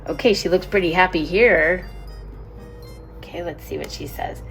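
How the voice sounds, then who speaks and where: A woman with a lowish, creaky voice speaks at a normal pace over soft background music. She's a teacher reading a picture book aloud to children, chatting about the pages, asking them questions and laughing along.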